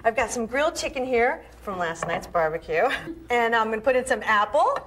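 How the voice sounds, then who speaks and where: Super perky high-voiced housewife doing a hard sell kitchen ad, swoopy pitch, bit of noise. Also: female voice, sing-song, a little fast, fairly bright tone. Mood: upbeat selling. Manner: perky, emphatic. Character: perky enthusiastic housewife demonstrating a kitchen gadget. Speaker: infomercial demonstrator. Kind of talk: hard sell ad, scripted demonstration. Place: studio kitchen set.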